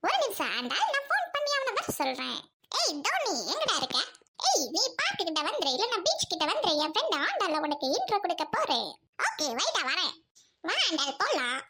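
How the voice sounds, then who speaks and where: A woman's voice: very high-pitched, huge pitch swings, a little fast, background noise, full character voice. A woman with a Trichy Tamil accent playing a bossy, melodramatic lovestruck young woman in a comedy skit. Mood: dramatic.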